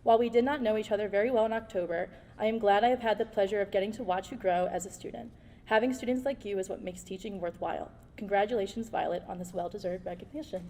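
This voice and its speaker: A woman's voice: mid-range voice, fast, a little mellow, big-room sound, a little hiss or hum. A young woman, a first-year teacher, reading a formal, heartfelt award speech.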